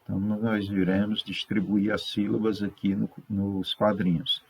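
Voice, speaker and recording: A Brazilian man teaching a third-grade class, correcting exercises patiently, sounding words out slowly and checking in with his pupils. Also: fairly low pitch, flat delivery, vocal fry, breathy edge. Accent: Brazilian Portuguese. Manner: slow, stretches out words syllable by syllable.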